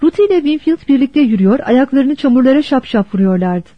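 A woman narrating a novel as an audiobook in a steady, expressive storytelling manner. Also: sits high, quick pace, no echo. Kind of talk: scripted narration. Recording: dull dry lo-fi recording.

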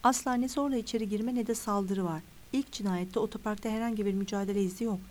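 A woman's voice: medium pitch, fairly even intonation, fast, a little mellow, slight background noise, lightly acted. A woman reading as an insistent woman investigator. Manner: insistent, lecturing.

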